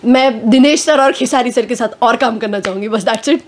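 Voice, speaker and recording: A woman actress giving a casual interview at home, talking frankly and a little hoarse from a cold, slipping English phrases into her speech. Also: fairly high pitch, moderate pace.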